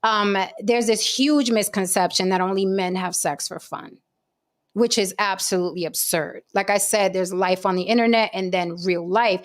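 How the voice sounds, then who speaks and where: A woman in her late forties hosting a casual panel talk show, telling stories in a chatty, animated way with many asides. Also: medium pitch, moderate pace. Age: 40s.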